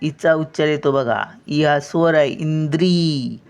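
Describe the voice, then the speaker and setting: A woman's voice: sits low, moderate pace, a little mellow, clean tone. An older woman teaching a spelling lesson, patiently sounding words out syllable by syllable.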